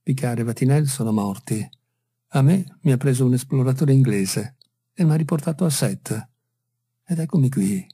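A man voicing a weary fisherman who has come home after years lost at sea, speaking slowly and plainly. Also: medium pitch, warm tone, husky.

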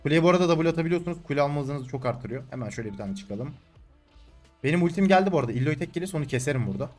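A young man casually commentating his own gameplay, taunting and yelling at the screen, then calming down to explain his moves. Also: a little high, very fast, soft background music. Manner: excitable, shouts and taunts at the game, swings between calm and loud.

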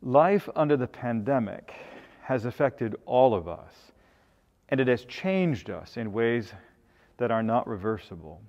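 An older man, a bishop, preaching a sermon with a measured, earnest manner. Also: mid-range voice, sing-song, darkish tone, in a large hall, lo-fi sound. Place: cathedral sanctuary, then a home dining room.

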